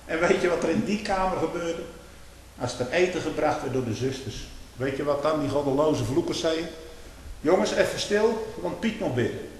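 A man's voice: fairly high pitch, slight background noise. Older man preaching in an echoey hall. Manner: swings from hushed storytelling to loud, slow denunciation. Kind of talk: fiery sermon. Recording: echoey hall with long reverb.

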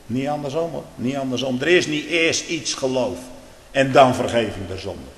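Male preacher, sermon, fervent and repetitive, swings between hushed and loud, roomy hall with long reverb. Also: mid-range voice, moderate pace. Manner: impassioned, swinging between quiet earnest tones and loud outbursts; repeats phrases, often with "nou, nou" and "hoor". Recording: echoey church with long reverb.

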